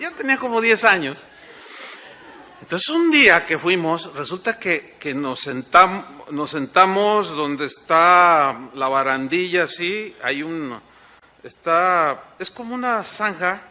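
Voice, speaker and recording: A man preaching a sermon with a Mexican accent, telling a lively personal story and often checking in with his listeners through questions. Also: sits high. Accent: Mexican Spanish. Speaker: pastor.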